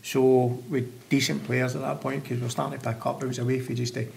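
A very gravelly, creaky man with a west of Scotland accent chats casually as a guest. His pitch is middling, and there is faint noise behind him. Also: level tone, fast talker, darkish tone. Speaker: podcast guest, former footballer. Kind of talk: casual chat.

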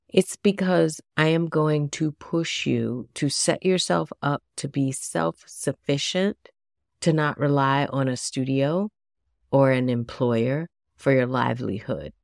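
Gentle low-voiced woman hosting a podcast. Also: unhurried, gravelly, no room sound, clean studio sound. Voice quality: nasal. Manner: gentle, chatty, self-deprecating. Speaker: podcast host. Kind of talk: solo podcast talk.

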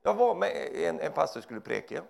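A male preacher giving a lively, joking sermon, often ending his lines with a quick tag question. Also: fairly high pitch, creaky. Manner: animated, joking, tags lines with "va?".

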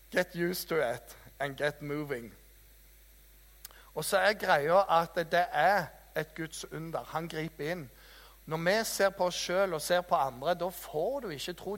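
A man's voice: on the high side, creaky. Guy preaching a sermon, tells stories and pokes fun at himself, echoey church hall. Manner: lively storytelling, self-mocking. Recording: reverberant hall.

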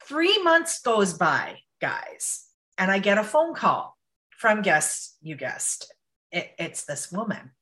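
A woman who works as a psychic medium, telling a story to her podcast co-hosts in a lively, casual way, laughing now and then. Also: mid-range voice, slow pace, low-quality recording. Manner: animated, laughs while telling stories.

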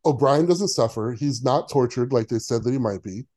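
Male podcast co-host, mellow low tone, sarcastic, opinionated riffing. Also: normal speed. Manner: sarcastic, opinionated, lots of fillers. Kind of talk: casual chat.

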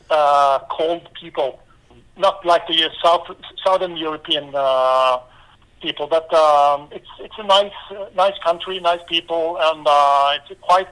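A man from Norway with a Norwegian accent, a former volleyball player answering interview questions in halting English full of fillers and restarts. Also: fairly high pitch, bright, forceful tone, low-quality recording.

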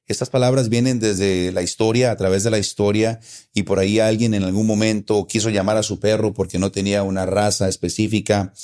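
With a low-leaning, fairly flat, slightly mellow voice, a Costa Rican man talks a little fast. He's a guest in a casual conversation, patiently explaining local slang and frequently repeating himself.

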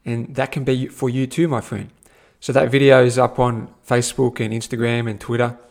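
A young man gives a casual motivational talk as a personal growth teacher, animated and repetitive, often saying "my friend". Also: medium pitch, moderate pace, vocal fry. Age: young adult.

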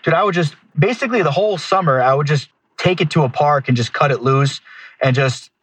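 A man's voice: on the high side, brisk, fairly bright tone, breathy edge, no echo. Slangy man telling casual stories. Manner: slangy, peppers talk with dude and bro. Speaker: guest falconer telling stories. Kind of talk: casual chat, animated storytelling.

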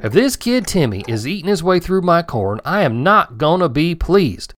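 A man's voice: on the high side, big pitch swings, moderate pace, a little hiss or hum, voice pushed up. A man voicing a cheerful old male farmer in a kids' storybook, with a homespun rural drawl. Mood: puzzled.

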